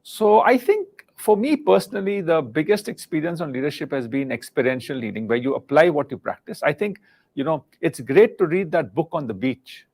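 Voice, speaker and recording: A man's voice: on the high side, lively intonation, brisk, a little mellow. A middle-aged man from India, a former business leader, talking earnestly about leadership in a live interview and often repeating words as he searches for the next one.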